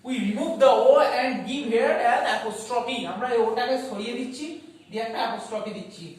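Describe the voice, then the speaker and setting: High-voiced woman teaching grammar in an echoey room. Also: darkish tone. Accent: Bengali. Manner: slows down and stretches English example words, fast in Bengali; asks checking questions like "okay?" and "is that clear?". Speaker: school English teacher. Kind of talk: grammar lesson mixing Bengali and English. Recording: echoey room, voice far from the mic.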